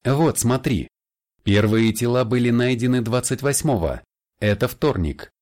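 A man's voice: mid-range voice, unhurried, a little mellow, voice pushed up, close to an everyday voice. A man voicing an eager male elementalist colleague explaining findings, in a raised voice, in an audiobook.

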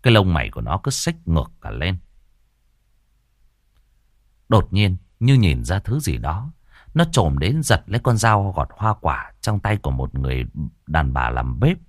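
A man narrating a horror story in an expressive, theatrical way. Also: deep voice, moderate pace, dry recording, studio quality.

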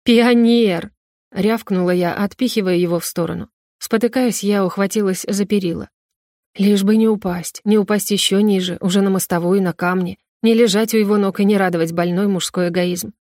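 A woman's voice: mid-range voice, steady tone, a little fast, darkish tone, no room sound, clean studio sound. A young woman reading a novel aloud in the first person, her telling emotional and tearful. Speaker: audiobook narrator. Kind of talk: first-person scripted narration.

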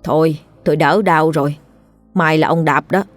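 A woman reader plays a middle-aged wife who is blunt and quick to complain, nagging her husband in a plain, everyday voice. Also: sits low, steady tone, faint music behind, lightly acted. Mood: irritated.

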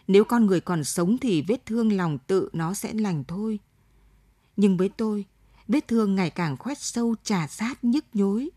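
A woman reads a story aloud in a steady, measured way, her tone dark and mellow with a husky grain. The recording is dry and close, with no room sound. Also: medium pitch, no echo. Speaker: audiobook narrator. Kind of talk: scripted story narration.

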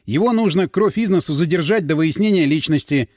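A man's voice: a little high, animated, a little fast, a little mellow, no room sound, studio quality. A male narrator voicing a tough, demanding police detective in an audiobook. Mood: urgent. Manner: demanding, clipped. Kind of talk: audiobook character voice.

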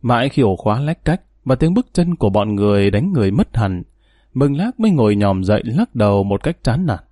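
A man narrating a story audiobook in a steady, even storytelling manner. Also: medium pitch, fairly quick, no echo, clean studio sound.

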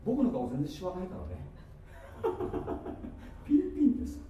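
A man preaching a sermon, playful and animated, with asides and laughter, recorded from a distance in a church hall. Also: high-pitched, normal speed, dull audio. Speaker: pastor. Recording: echoey hall from far off with faint noise.

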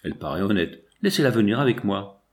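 A man's voice: fairly low pitch, big pitch swings, quick pace. A man reading the part of a kind, protective innkeeper who speaks in a reassuring way. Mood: kindly. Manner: reassuring, warm-hearted. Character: kindly male innkeeper, protective and generous.

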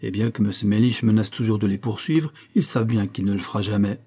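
A man voicing a chatty, blunt young coachman in a French audiobook reading, with a husky tone. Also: fairly low pitch, fast talker, warm tone. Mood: eager.

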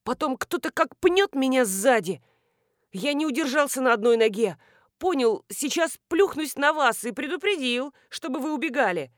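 Bumbling earnest male professor, read by a woman narrator, rambling explanations, slightly high voice. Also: expressive, normal speed, no room sound, clean studio sound. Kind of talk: audiobook character reading.

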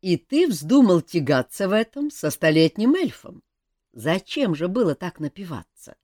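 A woman voicing a calm, knowing grown male leader who talks in a quietly ironic way. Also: lowish voice, moderate pace, no room sound, studio quality, pitched above the performer's own voice.

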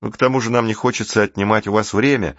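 A man reading the part of a shy, polite boy who gets excited by a discovery, in a dry, dull recording. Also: on the low side, fast talker, dry recording.

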